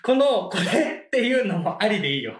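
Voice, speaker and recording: A young man co-hosting a casual comedy game chat, playful and quick to laugh, fumbling for words as he explains. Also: high-pitched, sing-song, roomy sound, heavy background noise. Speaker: podcast co-host.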